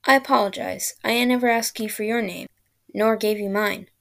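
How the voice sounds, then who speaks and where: A woman voicing a mysterious old British man who travels through time, calm and dry with a sarcastic edge. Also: mid-range voice, moderate pace, gravelly.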